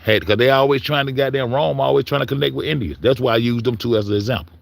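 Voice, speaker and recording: A man's voice: medium pitch, fast talker, creaky, no room sound. A man delivering a heated, profane monologue, stumbling over words and repeating himself as he argues his point. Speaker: commentator. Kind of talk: ranting monologue.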